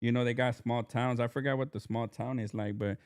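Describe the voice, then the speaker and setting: Laid-back man, smooth clear voice. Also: medium pitch, fairly even intonation, fairly quick. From Southern California. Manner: laid-back, street slang, many fillers. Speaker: podcast host. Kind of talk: casual chat.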